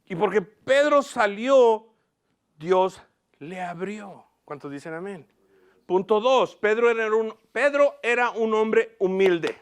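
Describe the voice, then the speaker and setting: Male pastor, high voice, lively sermon with questions to the congregation, slips in English words. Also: takes it slowly, clean tone. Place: church platform.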